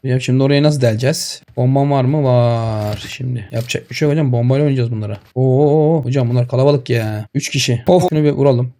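A man giving excitable live commentary over his own shooter gameplay, talking to his viewers and shouting at enemies, on a headset mic. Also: medium pitch, fast, few pauses, background noise. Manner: excitable, talks to viewers and to the enemy. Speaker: gaming streamer. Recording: game sounds and gunfire behind.

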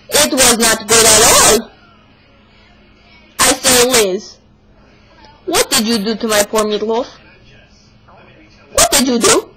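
A young woman performing a comic monologue as a stubborn young Russian woman, with a put-on Russian accent and broken English. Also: mid-range voice. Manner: broken English, dropped articles, exaggerated complaining. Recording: noisy home video recording.

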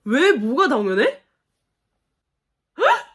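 In a casual reaction video, the young female host laughs and exclaims her way through a dating show episode while addressing viewers. She speaks slowly in a high register.

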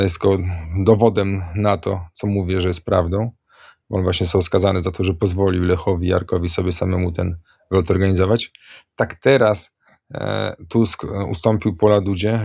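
A man giving a blunt, accusatory, unscripted political commentary, often halting to search for his words. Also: sits low, gravelly, dry recording, clean studio sound. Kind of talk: informal political rant, unscripted monologue.

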